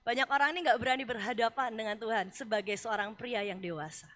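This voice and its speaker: Woman pastor, Indonesian accent, high bright voice, chatty animated sermon. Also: fast. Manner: animated, acts out voices of Job and God; conversational, casual asides.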